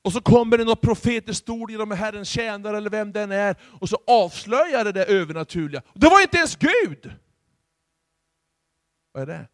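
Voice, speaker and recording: A Swedish man preaching a charismatic sermon as pastor, swinging from hushed asides to loud exhortation. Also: high voice, hardly any pauses, no echo.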